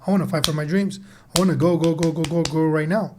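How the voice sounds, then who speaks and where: Against a noisy background, a man in his thirties answers as a podcast guest in a steady, slightly high voice, talking fast. He's a sales team leader and entrepreneur who speaks conversationally and emphatically, repeating words to stress them.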